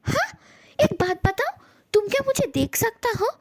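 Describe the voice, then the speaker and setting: A woman's voice: very high voice, a little slow, creaky, no room sound, heavily acted. A woman voicing a handsome young male ghost who threatens a newcomer to leave his room, in a fan audio story. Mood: bossy. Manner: bossy, threatening.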